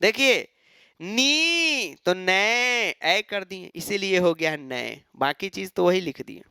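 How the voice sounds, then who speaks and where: A man's voice: high voice, animated, a little slow, vocal fry, pushed and bright, smooth, no room sound, studio quality. A man teaching an exam-prep lecture, asking and answering his own questions and mimicking students.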